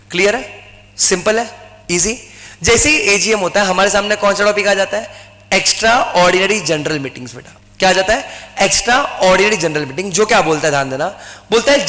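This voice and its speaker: High-voiced man teaching in a reverberant hall. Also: fairly bright tone. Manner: drills students with repeated questions; mixes English terms into Hindi explanation. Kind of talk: classroom lecture.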